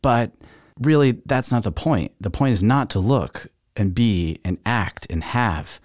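A man with a fairly low voice hosts his own podcast in a relaxed, chatty way. He keeps turning to the listener with rhetorical questions. The sound is close and dry, with no room echo. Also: measured pace. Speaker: podcast host. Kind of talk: casual solo podcast talk.

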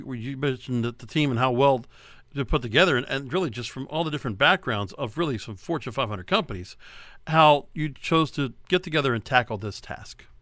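A man hosting a cannabis business radio show, introducing his guest and asking questions in a quick, upbeat way. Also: mid-range voice, fairly bright tone, dry recording.

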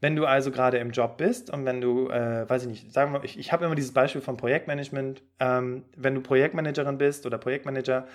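A man hosting a podcast as a career coach, giving job-interview advice in a lively, direct way with fillers. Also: mid-range voice, fast, hardly any pauses.

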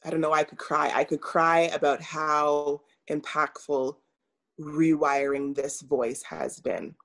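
A woman coach speaking as an interview guest, measured and earnest, pausing often with fillers. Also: deep voice, flat delivery, a bit bright. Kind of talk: reflective interview talk.

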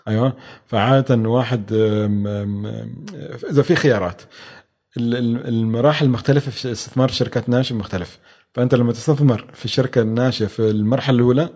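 A man's voice: mid-range voice, very fast, a little mellow. A man answering interview questions, with many hesitations and restarts. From Oman. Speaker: guest, venture capital expert.

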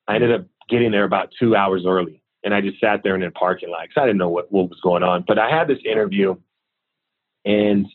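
A man in his forties, an interview guest, telling his story in a casual, animated way. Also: lowish voice. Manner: animated, acts out quoted voices. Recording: thin phone-like audio.

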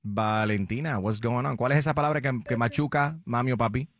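A man's voice: mid-range voice, fairly quick, no room sound, studio quality. A man hosting a morning radio call-in show, playful and laughing as he switches between Spanish and English.

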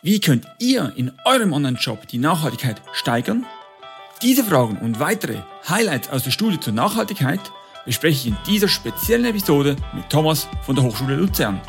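A man's voice: fairly high pitch, big pitch swings, fairly quick, creaky, soft background music. A man hosting a podcast, asking questions in an upbeat, enthusiastic way and reading a sponsor message. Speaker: podcast host.

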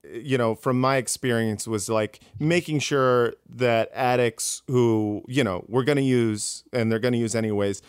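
A comedian guest in a casual interview, rambling with many fillers and restarts. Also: male voice, mid-range voice, a little slow, hardly any pauses, clean tone, dry recording, clean studio sound.

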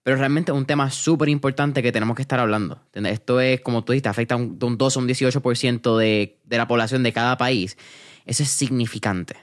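A man's voice: mid-range voice, fast talker. A man hosting an interview podcast, chatting casually and dropping English words into his speech. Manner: relaxed, mixes English words into Spanish. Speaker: podcast host interviewing an entrepreneur.

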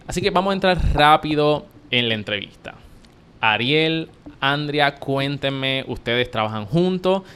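Upbeat podcast host. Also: male voice, mid-range voice, clean tone. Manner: animated, upbeat, mixes in English words. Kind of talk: podcast interview.

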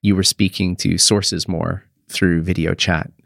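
A man's voice: deep voice, flat delivery, a little slow, creaky, a bit bright, dry recording, studio quality. A man hosting a news podcast, asking a guest short, plain questions about the week's headlines. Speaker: podcast host.

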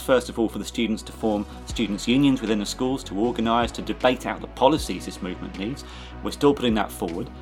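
Guy hosting a podcast, reading a script, lowish voice, bit of music under it. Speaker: podcast host.

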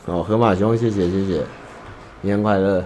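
A man's voice: sits low, fairly even intonation, normal speed, a little mellow, slight background noise. A man with a Taiwanese Mandarin accent hosts a casual podcast, answering listener letters as a rambling, self-mocking storyteller. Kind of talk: casual chat.

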